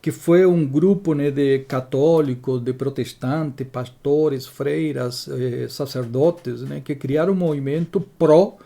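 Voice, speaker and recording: A man in his sixties from Chile, telling his life story as an interview guest in a measured way, often adding tag questions. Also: mid-range voice, vocal fry, mellow. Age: 60s.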